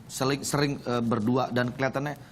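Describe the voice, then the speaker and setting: A man's voice: medium pitch, flat delivery, fairly quick, slight background noise. A man hosting a talk show, asking questions in a casual interview style.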